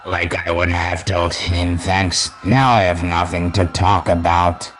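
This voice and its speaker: A man's voice: deep voice, level tone, unhurried, a bit bright, slight background noise. A man playing a sadistic, mocking supervillain goblin in a comic dub, with a taunting, theatrical delivery. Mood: gloating.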